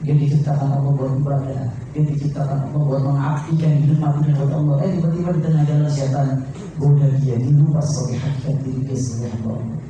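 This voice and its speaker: Echoey, dark-voiced preacher. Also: male voice, mid-range voice, little pitch movement, fast, dull audio, slight background noise. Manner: storytelling with quoted dialogue and Arabic recitation; addresses listeners directly, asking them questions. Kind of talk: sermon. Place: mosque. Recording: echoey room, heard from a distance.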